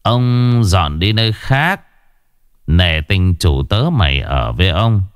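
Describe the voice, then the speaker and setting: A man puts on a scheming old village chief with a gruff, low, commanding voice. His speech swings widely in pitch as he bosses his servant. The sound is dry and close, with no room echo. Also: expressive, slow. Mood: falsely jovial. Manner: commanding, gruff, falsely jovial.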